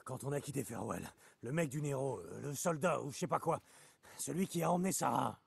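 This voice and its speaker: Un motard survivant à la voix rocailleuse. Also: male voice, medium pitch, fairly quick, creaky, slightly rough, exaggerated voice. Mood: urgent. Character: gruff, restless male biker survivor, urgent and stubborn. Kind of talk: video game dialogue over radio.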